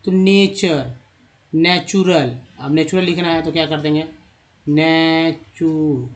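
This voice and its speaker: In a dull lo-fi recording, a man on the higher side of pitch drills English sounds one by one, slowly and repeatedly, as a spelling and pronunciation lesson. He treats his viewers as friends.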